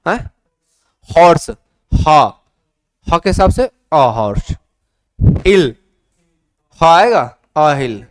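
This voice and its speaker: A man teaching an English grammar lesson, coaxing students and repeating their answers in a lively classroom manner. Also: fairly high pitch, slow, long pauses, no echo, clean studio sound.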